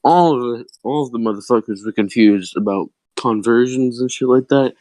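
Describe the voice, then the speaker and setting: A man's voice: mid-range voice, moderate pace, a little mellow, no echo, rough recording. A teenage boy co-hosting a casual chat, telling a rambling story full of swearing and laughs, his voice cracking often. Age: teens. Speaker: podcast co-host.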